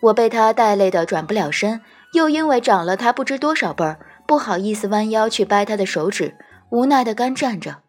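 Woman reading a fantasy novel aloud, a little breathy, soft music behind her. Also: fairly high pitch, lively intonation, brisk. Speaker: audiobook narrator. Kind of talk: scripted storytelling narration.

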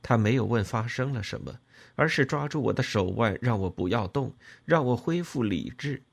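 A man narrating an audiobook in an expressive, emotional storytelling manner. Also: mid-range voice, moderate pace, gravelly, breathy edge.

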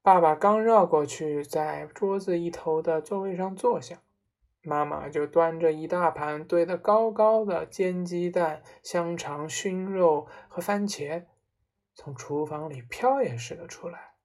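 A woman reading a children's story aloud, in an expressive storybook narration. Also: on the low side, a little slow.

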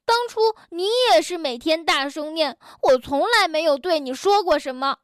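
A woman's voice: high voice, animated, normal speed, no echo, studio quality. A woman voicing a young male frog in a children's story, who is stubborn but tender-hearted and talks in a huffy, sulky tone. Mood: upset.

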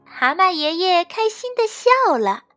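A woman storyteller gently and expressively reading a bedtime story to children. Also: extremely high pitch, big pitch swings, a little slow, soft background music.

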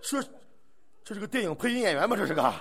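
A man playing the straight man in crosstalk comedy, feeding short questions and quick reactions. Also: sits high, sing-song, a bit bright, slightly rough.

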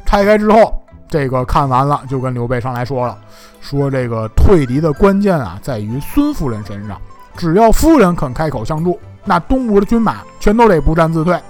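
A man tells a classic tale in a chatty, comic way, tossing in asides. His voice is high and very animated, and faint music plays behind him. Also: fairly quick. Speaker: storyteller.

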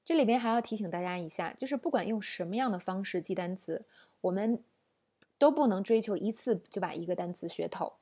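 Lady english teacher lecturing, mellow soft tone, lots of um and right?. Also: mid-range voice, brisk, slightly rough. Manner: explanatory, uses many fillers and rhetorical questions. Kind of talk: online lesson lecture.

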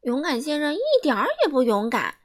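A woman voicing a mischievous young gossip in a children's storybook, calling out quickly and loudly. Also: sits high, lively intonation. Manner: fast, loud calling out.

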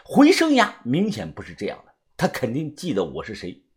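Male narrator, husky voice, wildly varied pitch, audiobook story, vivid first-person telling. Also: normal speed. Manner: lively storyteller, swings in pitch and loudness.

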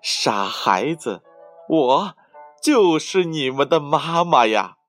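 A man voicing a cheerful mother frog, speaking fondly and a little louder, with faint music behind. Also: a little high, very animated, slow, pitched above the performer's own voice, heavily acted.

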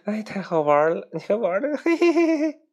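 A man doing a squeaky bossy little princess. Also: very animated, fast talker, darkish tone. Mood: giggly teasing. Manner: giggly, teasing, then rousing like a leader. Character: chirpy clever young girl princess, playful and bossy.

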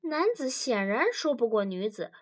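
A woman reading a story aloud in scripted narration, expressive, with wry asides. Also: a little high, moderate pace.

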